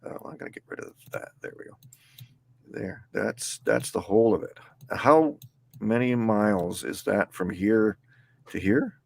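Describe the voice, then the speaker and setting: A man's voice: on the low side, moderate pace, vocal fry, darkish tone. A man hosting a casual interview over a video call, easygoing, often chuckling, and reading out questions from viewers. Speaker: host.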